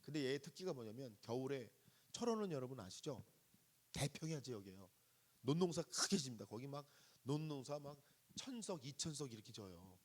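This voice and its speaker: A middle-aged guest pastor preaches at a revival service, telling a story, questioning the congregation, and acting out the voices of its characters. His mid-range, darkish voice moves a little fast with big pitch swings.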